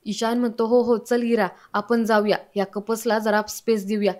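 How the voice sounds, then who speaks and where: A woman's voice: on the high side, moderate pace. A woman with a Marathi accent retelling a television serial episode as a story, reading every character's lines herself. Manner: reads all characters' lines herself, quoting them in a mostly even tone. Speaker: serial episode recap narrator.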